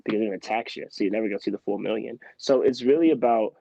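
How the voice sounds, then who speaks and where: A young man in his twenties from Philadelphia, a guest in a casual interview, telling stories in an animated, emphatic way. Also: lowish voice, racing, gravelly, breathy edge, dry recording. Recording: slightly dull, muffled sound.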